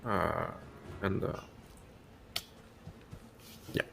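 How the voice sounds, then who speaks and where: A man's voice: sits low, fairly even intonation, drawn-out words, vocal fry, sharp tone. A man chatting on a livestream as a game developer, explaining in a conversational way. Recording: faint background noise, game sound behind.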